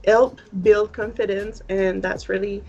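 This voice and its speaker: Acadian french canadian lady, halting english, chatting on a dull lo-fi video call w music behind. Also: mid-range voice, level tone, darkish tone. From northern New Brunswick, Canada. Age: 30s. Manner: halting non-native English phrasing. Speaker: pageant guest. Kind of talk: casual interview chat. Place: indoor room at home, video call. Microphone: webcam video call.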